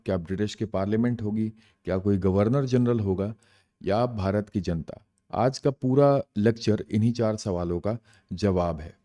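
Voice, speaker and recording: Low mellow-voiced male teacher. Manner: explains terms in Hindi and English, asks and answers own questions. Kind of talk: exam-prep lecture.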